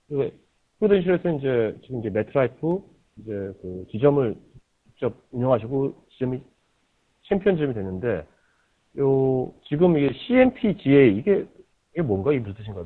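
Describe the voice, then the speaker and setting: A man's voice: mid-range voice, big pitch swings, brisk, husky. A man hosting a book interview, asking probing questions and often murmuring agreement. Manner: probing, frequent backchannel agreement. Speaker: interviewer, host. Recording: tinny lo-fi radio-like audio.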